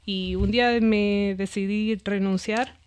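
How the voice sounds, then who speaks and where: A woman born in Argentina and raised in Brooklyn, talking easily as a guest about her life as a DJ and producer. Her voice is smooth and clear, and her tone stays relaxed. She answers often with a string of quick agreements. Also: mid-range voice. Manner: relaxed, repeats "sí, sí, sí", chuckles between phrases. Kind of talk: casual interview chat.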